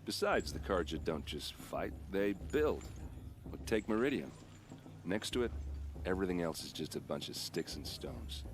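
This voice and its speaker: Very animated and low-pitched at a normal speed, an actor gives voice to a chatty, friendly young warrior in a game cutscene. The soldier, part of a king's vanguard, boasts about his tribe and his steel armor over the game's ambient noise.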